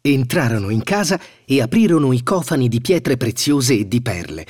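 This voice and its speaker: A man narrating a fairy tale in a scripted, expressive storytelling manner. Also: mid-range voice, normal speed.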